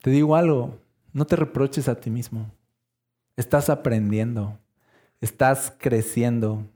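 A man preaching a sermon in a conversational, animated way, acting out scenes as he goes. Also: mid-range voice, unhurried.

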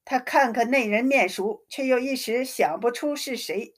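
A woman narrates a classic novel in a steady, measured storybook manner. Her voice sits fairly high, and she keeps an even reading pace throughout.

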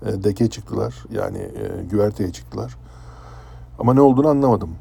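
Husky, dark-voiced man telling a story. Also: fairly low pitch, moderate pace. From Turkey. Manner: conversational, animated when telling dramatic parts. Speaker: former ship's chef. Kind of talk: casual personal storytelling.

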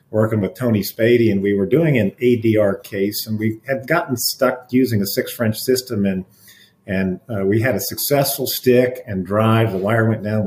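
Lower-voiced guy, middle-aged, chatty, lots of restarts. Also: roomy sound. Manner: animated anecdotes with frequent restarts and laughs. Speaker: interventional cardiologist guest. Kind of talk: conversational interview storytelling.

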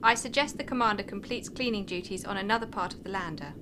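A woman voicing a literal-minded female ship computer that speaks flatly and is quietly sarcastic. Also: medium pitch, fast, background noise, close to an everyday voice. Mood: deadpan. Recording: music playing behind the voice.

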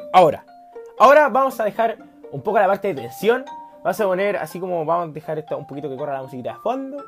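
A man with a Chilean accent telling a story in a casual, animated and slangy way, dropping to a hush and rising to shouts. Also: high-pitched. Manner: animated, slangy and profane, swinging from hushed to shouting.

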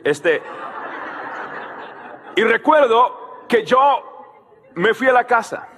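A man preaching a sermon as pastor, telling a story and shouting out key lines while he asks the crowd to answer him. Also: very high-pitched, husky, long reverb tail.

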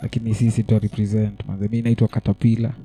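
Very mellow, even-toned young Kenyan man. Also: fairly low pitch, fast. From Nairobi, Kenya. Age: young adult. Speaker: rapper, interview guest. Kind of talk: casual chat with heavy slang.

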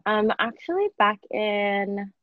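A woman, a podcast guest with a husky just-woken-up voice, laughing and self-mocking. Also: medium pitch, expressive, takes it slowly, dry recording, highs cut off. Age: 20s. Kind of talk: casual chat.

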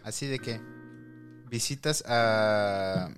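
A man's voice: lowish voice, drawn-out words, faint music behind. A young man, co-hosting a casual podcast chat, teasing and opinionated. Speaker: podcast co-host.

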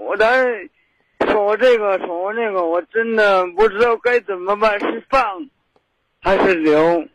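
A man calling an advice show, talking earnestly and haltingly and often asking if he is understood. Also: sits high, fairly bright tone, a little hiss or hum, rough recording. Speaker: caller. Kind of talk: call-in advice talk.

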